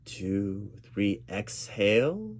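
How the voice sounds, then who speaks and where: In a spoken, not whispered, ASMR roleplay, a man with a lowish voice plays a job interviewer, sounding reassuring but halting and repeating words. Steady computer keyboard typing runs behind his voice.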